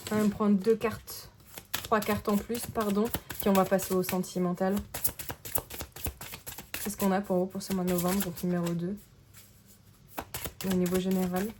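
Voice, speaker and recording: A woman giving a casual tarot card reading to camera, in a gentle, searching way that keeps checking in with the listener. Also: mid-range voice, background noise.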